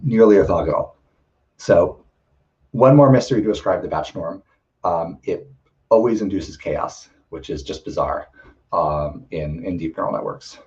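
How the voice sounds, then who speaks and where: A man's voice: deep voice, dark tone, lo-fi sound. A man giving a technical lecture, explaining step by step with frequent ums and restarts, slightly losing his voice.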